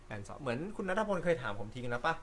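Bright-voiced man hosting a relaxed live chat. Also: mid-range voice, very fast, a little hiss or hum. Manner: relaxed, chatty, laughs often, apologetic asides. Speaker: host. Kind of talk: casual live-stream chat reading viewer comments.

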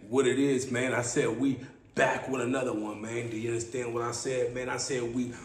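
This solo podcast episode features a raspy-voiced host in his thirties, mid-range in pitch and fairly quick, casually playful and prone to repeating himself. He's seated indoors in a small, echoey room, recorded by a camera mic at mid distance with a steady hiss behind him.

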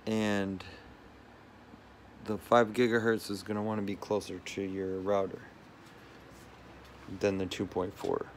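This tech vlogger talks in a fairly low, flat, unhurried voice with long pauses, while slight background noise lingers. Filming from behind the camera in a room cluttered with phones and routers, he casually explains his setup with plenty of fillers.

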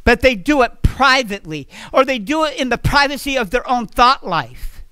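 A man's voice: extremely high pitch, expressive, moderate pace, sharp tone, smooth, dry recording. A man preaching a sermon at a church fellowship, earnest and repeating phrases as he goes.

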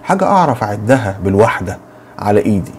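A man with an Egyptian Arabic accent teaching English grammar to children, asking and answering his own questions and drilling English phrases slowly. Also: on the low side, very animated, slight background noise.

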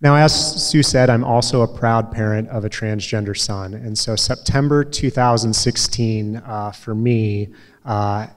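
A middle-aged man from Des Moines speaks to an audience in a reverberant hall. His voice sits on the low side, and he talks slowly, with frequent "uh" pauses and a soft, earnest tone. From Des Moines, Iowa. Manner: slow, measured, many uh fillers, soft and emotional. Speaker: event moderator. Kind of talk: public talk to an audience.

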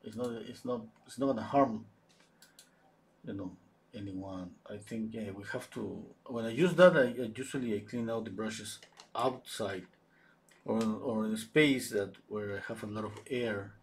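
This man hosts a live oil-painting stream, thinking aloud as he paints and responding to viewers' chat. He often restarts his sentences. His voice sits fairly low and moves at a normal speed.

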